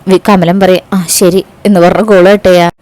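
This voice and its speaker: A woman's voice: lowish voice, level tone, fast, darkish tone, dry recording, low-quality recording. A woman hosting a TV serial recap, retelling an episode in a casual, chatty way and calling her listeners bro.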